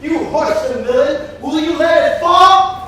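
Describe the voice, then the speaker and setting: A man acting a loud, domineering bridegroom who declaims verse and barks orders, his voice high and his delivery unhurried. He sounds distant in a very echoey theater hall with faint background noise. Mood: blustering. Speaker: stage actor. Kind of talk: live Shakespeare stage acting. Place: theater stage. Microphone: far room mic.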